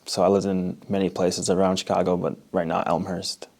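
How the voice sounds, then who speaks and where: A late-teen man from Oak Park, Illinois, speaks in a fairly low voice with a relaxed Midwestern American accent, talking a little fast. As an interviewee, he reads a passage aloud and chats loosely in a casual interview, sprinkling in lots of filler words, especially "like."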